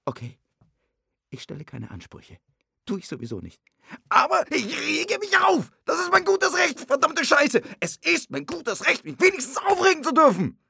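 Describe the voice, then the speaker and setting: A man's voice: medium pitch, very animated, moderate pace, vocal fry, long pauses, breathy edge, dry recording, studio quality, voice pushed down, exaggerated voice. A man playing a jealous, furious young man. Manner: agitated, shouting, swearing. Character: hot-tempered young man, jealous and hurt.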